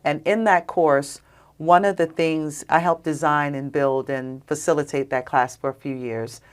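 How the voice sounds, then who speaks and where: Podcast guest lady, kinda low voice, animated storyteller, very emphatic. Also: unhurried. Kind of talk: conversational storytelling.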